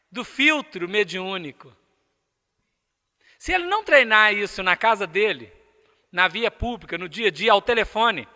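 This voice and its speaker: Brazilian man, very high voice, sharp bright tone, spiritist lecture, echoey hall. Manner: emphatic, with rhetorical questions to the audience.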